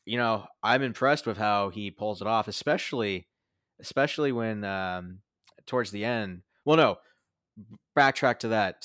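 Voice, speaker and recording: Low-voiced man rambling through a movie review. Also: fairly bright tone, clear, resonant tone, dry recording, clean studio sound. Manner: rambling, many fillers and restarts. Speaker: podcast co-host. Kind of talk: casual movie review chat.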